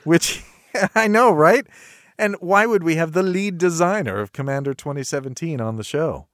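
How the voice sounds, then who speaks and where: A man with a buttery smooth voice hosting a podcast with casual, jokey banter. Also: on the high side, normal speed, fairly bright tone, no echo, clean studio sound. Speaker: podcast host.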